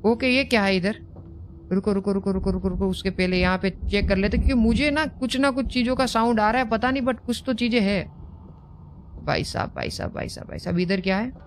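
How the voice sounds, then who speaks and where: A man's voice: high voice, fairly quick, slight background noise. A young man giving nervous horror game commentary, jumpy and repeating words when scared. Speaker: gaming host.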